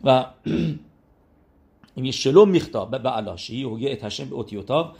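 A man teaching a Talmud lesson, retelling the stories in a lively storytelling way and often repeating "he says". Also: mid-range voice, gravelly. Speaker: religious teacher.

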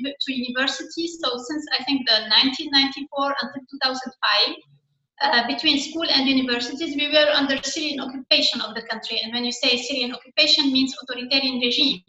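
Woman in her 40s, high bright voice, echoey dull video call sound. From Lebanon. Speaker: guest. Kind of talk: online interview.

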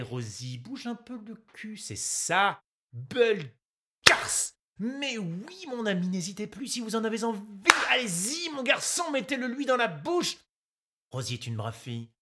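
A woman voicing a boisterous, crude, bearded male sculptor in a read-aloud story, loud and exclamatory. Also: medium pitch. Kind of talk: audiobook character reading.

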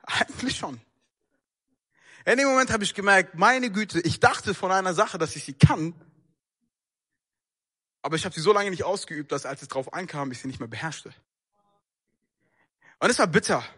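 A young man preaching a sermon in a casual, storytelling way, acting out the dialogue of his story in lively voices. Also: high-pitched, moderate pace, pauses often, breathy edge. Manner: casual, slangy speech.

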